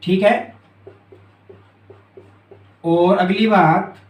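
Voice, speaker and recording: High-voiced man teaching at a board. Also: steady tone, drawn-out words. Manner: repeats key terms and asks "clear?". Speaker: math teacher. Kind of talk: classroom lesson at a board. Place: classroom with a board. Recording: echoey room.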